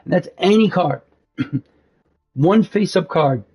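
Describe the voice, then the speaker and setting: A man's voice: high-pitched, animated, slow, breathy edge, muffled recording. A man hosting a card game channel, talking casually through gameplay in a rambling way full of fillers, tired and losing his voice.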